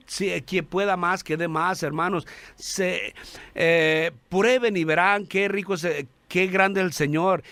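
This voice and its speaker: A man giving an earnest radio sermon, calling listeners brothers, halting now and then with fillers and restarts. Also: on the high side, fairly bright tone, no room sound. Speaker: radio preacher.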